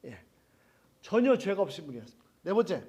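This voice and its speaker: 목소리 높은 남자 목사의 활기찬 설교. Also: male voice, sits high, fast talker, slightly rough. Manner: lively, laughing asides and acted quotes. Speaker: pastor. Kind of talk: sermon.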